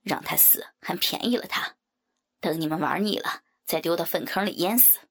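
A woman's voice: lowish voice, normal speed, a bit bright, pitched below the performer's own voice. A woman voicing a smug, scheming young male swordsman who sneers and teases. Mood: mocking. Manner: sneering, teasing.

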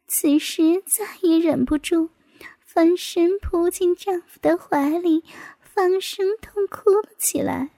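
High-voiced woman narrating in a hush. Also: dry recording. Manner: hushed, half-whispered reading. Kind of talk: storybook narration.

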